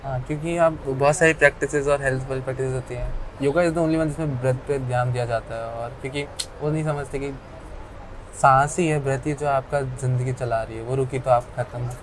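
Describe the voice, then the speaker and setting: A man's voice: mid-range voice, steady tone, moderate pace, noisy background. A man hosting a casual interview, asking hesitant questions and giving short agreeing replies. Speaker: podcast host.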